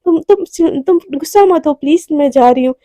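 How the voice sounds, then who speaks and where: A woman's voice: sits high, normal speed, mellow, no room sound, studio quality, close to an everyday voice. A woman voicing a nervous, apologetic young woman who stammers and repeats herself to please a friend. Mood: flustered.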